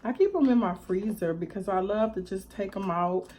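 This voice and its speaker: A woman hosting her eating vlog, chatting casually and greeting viewers with drawn-out excitement, with hushed whispered asides between bites. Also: medium pitch, a little hiss or hum. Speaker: mukbang channel host.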